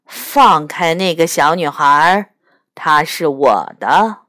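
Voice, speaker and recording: A cold, scheming bird spirit with a grand manner, as a woman reading a storybook puts it on. It speaks haughtily and insistently, pitched low, at a slow pace. The sound is close and dry. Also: expressive, sharp tone, dry recording, exaggerated voice.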